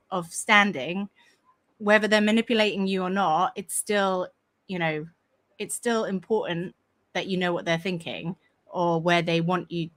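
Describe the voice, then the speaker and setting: A woman with a croaky voice, co-hosting a casual podcast and rambling with many fillers and restarts. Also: mid-range voice, a bit bright. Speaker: podcast co-host. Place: home room with a fan running.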